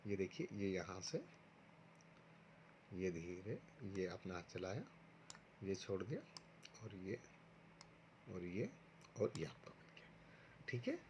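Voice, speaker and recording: A man's voice: sits low, big pitch swings, takes it slowly, long pauses, darkish tone, slight background noise. A man teaching a recorded online lesson to first graders, patiently going step by step and sounding out syllables for pupils to repeat. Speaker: primary school teacher.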